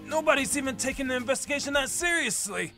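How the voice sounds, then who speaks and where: Man doing a high-pitched, gravelly, blustering police detective. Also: animated, fast talker, over music. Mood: earnest. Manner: blustering, slangy, ends remarks with "pal". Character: gruff, hot-headed but loyal male police detective. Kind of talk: fan audio drama acting of a video game story.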